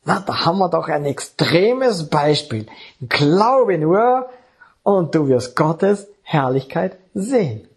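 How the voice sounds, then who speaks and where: A man's voice: fairly high pitch, very animated, slow pace, husky. A man preaching a sermon with emphasis, often checking in with the congregation. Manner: emphatic, keeps checking in with the audience.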